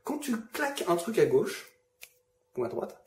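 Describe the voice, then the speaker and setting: A man's voice: high-pitched, very animated, unhurried. A man casually explaining a binaural audio demo, playfully asking and answering his own questions, talking as if right beside the listener's ears. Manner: speaks as if close by the listener's ears, moving from side to side. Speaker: presenter of a binaural audio demonstration. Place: indoor room. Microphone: two small binaural electret microphones spaced like human ears. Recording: roomy binaural recording, faint background noise.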